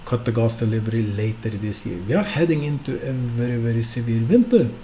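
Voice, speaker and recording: Animated and fairly quick, this Norwegian host of a solo stock market show speaks English as a non-native, with a warm, medium-pitched voice. He improvises, hesitating and using frequent fillers while firing rhetorical questions at his audience, and slight background noise is audible.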